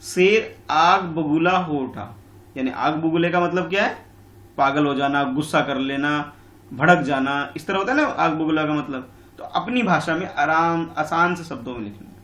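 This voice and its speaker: A man's voice: a little high, normal speed, fairly bright tone. Patient male teacher in an echoey room. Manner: patient and repetitive, calls pupils बेटा. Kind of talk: online class lesson explaining a textbook.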